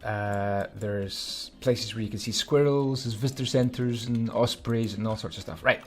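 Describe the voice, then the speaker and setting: A man's voice: lowish voice, steady tone, measured pace. Chatty Scottish man narrating a build. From Scotland. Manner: chatty, hums and mutters while concentrating. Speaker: Minecraft YouTuber. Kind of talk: casual build commentary.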